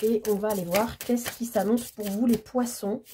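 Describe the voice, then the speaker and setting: A woman giving a tarot reading in a casual, hesitant way, stammering and filling pauses as she talks. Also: mid-range voice, steady tone, warm tone, slight background noise. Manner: hesitant, stammering, many fillers. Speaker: tarot card reader.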